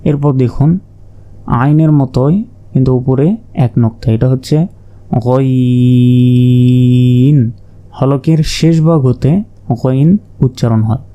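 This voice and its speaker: A man teaching Quran reading, slowly naming and repeating each Arabic letter and explaining how to pronounce it. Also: mid-range voice, warm tone. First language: Bengali. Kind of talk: slow letter-by-letter pronunciation lesson.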